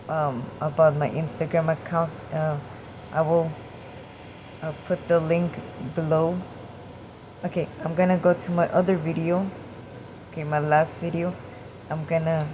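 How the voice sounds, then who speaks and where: Slow, halting low-voiced woman vlogger. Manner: hesitant, halting, many fillers and restarts. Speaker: gaming vlogger. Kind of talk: casual talk to camera. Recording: noisy room with air conditioning hum.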